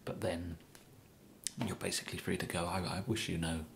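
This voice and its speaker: In this whispered ASMR roleplay, a young adult man from England plays an awkwardly polite, apologetic, bumbling kidnapper. He sounds sheepish and polite, his low, breathy whisper and soft speech halting and rambling, with little pitch movement. A close mic picks up slight background noise.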